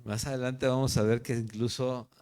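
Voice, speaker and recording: The level, slightly mellow voice of this pastor from Jalisco, Mexico, sits at medium pitch and moves at a moderate pace. In his Mexican Spanish accent he teaches the Bible one verse at a time, chatting with listeners and checking in often.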